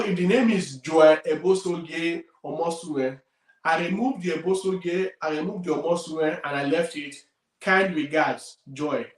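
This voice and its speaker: Nigerian male career coach, emphatic and repetitive, slightly high voice, roomy distant pickup. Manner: emphatic, repeats key points, loudness swings widely. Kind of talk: career advice talk.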